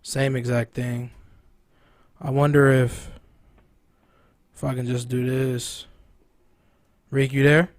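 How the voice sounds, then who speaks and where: A man's voice: medium pitch, level tone, slow pace, pauses often, no echo. A man hosting a local sports talk show in a casual, conversational style. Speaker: host of a local high school sports show.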